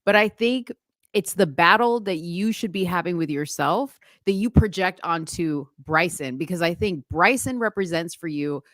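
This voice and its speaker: Frank and probing, this woman hosts a podcast, pressing her guest directly and drawing out words to stress them. Her voice sits on the low side, and there's no echo.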